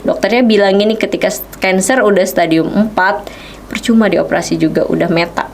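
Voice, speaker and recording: A woman, a guest on a podcast, telling a personal testimony in a lively way and acting out what people said. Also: mid-range voice, fairly quick, a little hiss or hum. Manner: animated storytelling, acts out quoted speech. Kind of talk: casual podcast interview.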